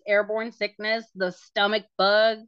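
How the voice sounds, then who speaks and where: A woman's voice: medium pitch, flat delivery, measured pace, smooth, dry recording, lo-fi sound. A woman co-hosting a podcast in casual chat, sick and coughing, joking around. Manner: chatty, joking. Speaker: podcast co-host.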